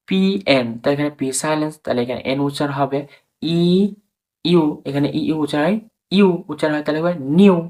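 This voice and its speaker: A male teacher takes viewers through English pronunciation one letter at a time. He repeats the sounds slowly and often turns to his audience as friends, urging them to follow along. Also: fairly high pitch. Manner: slow and repetitive, drawing out each sound; addresses viewers as friends and urges them to understand. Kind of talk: spoken lesson, spelling words out letter by letter.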